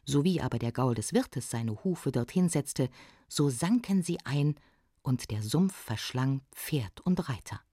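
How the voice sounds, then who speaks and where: A woman reads a folk legend aloud with lively, expressive storytelling. Her voice is low and warm. The sound is close and dry. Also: measured pace, slightly rough, no echo. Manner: expressive, shifts voice for the characters.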